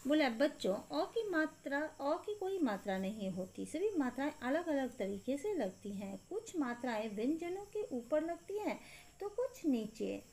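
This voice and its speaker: A woman's voice: a little high, vocal fry, a little mellow. A woman teacher giving a recorded lesson to young children, explaining step by step and asking questions she answers herself. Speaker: primary school teacher.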